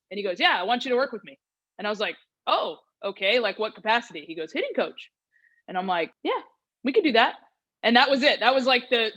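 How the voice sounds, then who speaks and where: A woman talks as a podcast guest in loose, chatty storytelling. She acts out each quoted exchange with lots of fillers. Her voice is bright and forceful. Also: mid-range voice. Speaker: podcast guest, hitting coach. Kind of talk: casual storytelling chat.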